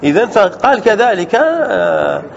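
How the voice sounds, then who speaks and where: A man teaching an Arabic grammar lesson as a sheikh, explaining rules and quizzing his students with quick questions. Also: sits high, wildly swooping pitch. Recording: dull lo-fi sound with faint noise.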